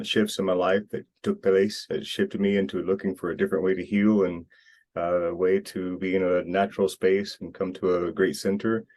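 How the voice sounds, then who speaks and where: Speaking with a low, slightly mellow voice, a man from the United States is an earnest interview guest in Costa Rica. The talk is casual, and he rambles with many restarts.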